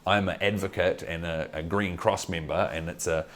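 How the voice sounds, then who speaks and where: A man's voice: low-pitched, fairly even intonation, moderate pace, a bit bright. A man with a New Zealand accent chatting casually in an interview in an informal, blunt, slangy way. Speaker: political candidate and cannabis advocate being interviewed.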